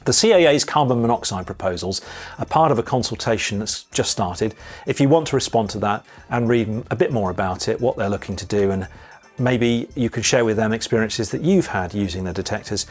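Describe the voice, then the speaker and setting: A man's voice: on the low side, a little fast, faint music behind. A man presenting a monthly pilot news briefing, reading a script in a chatty way with wry asides.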